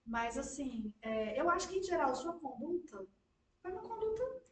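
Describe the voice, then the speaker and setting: A woman instructor with a high voice and a Brazilian Portuguese accent, speaking a little away from the mic. She gives direct, reassuring feedback and often checks in with her listeners. The room is echoey. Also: very animated, normal speed, recorded from a distance. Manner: direct, reassuring, frequent tag questions. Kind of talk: class discussion.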